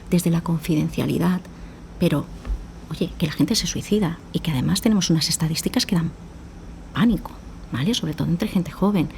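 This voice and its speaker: A woman's voice: fairly low pitch, darkish tone, a little hiss or hum. A woman psychologist on a podcast, explaining at length and acting out her talks with parents. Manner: explanatory, acts out dialogues with parents. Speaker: psychologist guest. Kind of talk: podcast interview.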